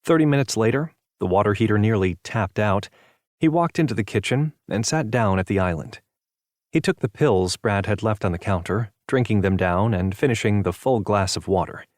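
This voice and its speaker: A man narrating a romance audiobook in a steady, even storytelling manner. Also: fairly low pitch, moderate pace, no room sound, studio quality. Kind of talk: scripted narration.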